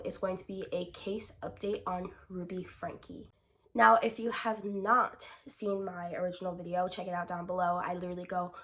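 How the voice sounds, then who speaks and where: Sick, short-of-breath woman vlogger. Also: mid-range voice. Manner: blunt, opinionated, swears freely. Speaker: channel host. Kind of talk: casual commentary vlog.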